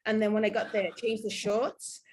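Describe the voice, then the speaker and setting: A woman's voice: mid-range voice, flat delivery, brisk, husky. A woman actress being interviewed at a press junket, telling stories animatedly and acting out her own reactions.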